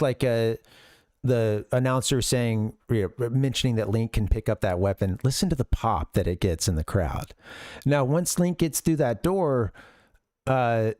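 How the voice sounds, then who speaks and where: A man's voice: medium pitch, darkish tone, no echo, studio quality. A man hosting a live stream, casually commenting on an old demo video, often restarting his sentences and chuckling. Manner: rambling, self-interrupting, chuckling. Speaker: streamer host.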